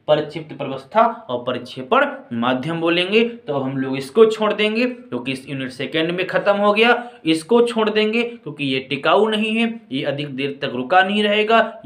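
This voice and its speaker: Man, chemistry teacher, fairly high voice, step-by-step lecture, roomy echo. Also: a bit bright. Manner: explains step by step, often asks if it is clear; addresses students as children and friends. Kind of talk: classroom-style lecture. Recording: echoey room.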